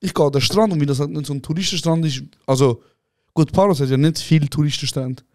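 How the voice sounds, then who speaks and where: Ein Podcast-Host aus der Schweiz mit Schweizerdeutschem Einschlag und heller Stimme redet lebhaft und schnell und spielt Szenen mit lauten Rufen nach. Die Aufnahme ist trocken und ohne Raumhall. Der Ton ist locker und kumpelhaft. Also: male voice, on the high side, fast talker, no echo, studio quality. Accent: Swiss German. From Switzerland. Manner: excited anecdote telling, acting out other people with shouts, calls the other host "Bro". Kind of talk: casual chat, animated storytelling.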